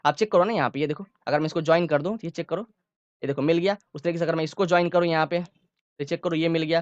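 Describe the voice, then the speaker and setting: A man's voice: fairly high pitch, steady tone, fast, no echo, dull audio. A man teaching a science lesson to school students, explaining step by step, repeating key terms and often checking whether they understood. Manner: informal, repeats key phrases. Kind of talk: online classroom lecture.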